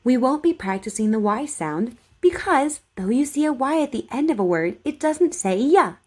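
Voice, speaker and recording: A woman with a high voice leads a speech articulation drill as a teacher. Her intonation is very animated, rising and falling widely. She over-enunciates deliberately so that learners can follow each sound. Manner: over-enunciated, slow, deliberate model sentences.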